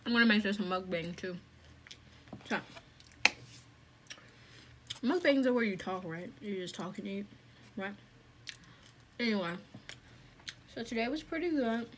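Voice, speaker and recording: A woman's voice: medium pitch, lively intonation, measured pace, long pauses. A woman chatting casually through a mukbang vlog, talking while she eats with her mouth full. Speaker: food vlogger. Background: faint fan hum.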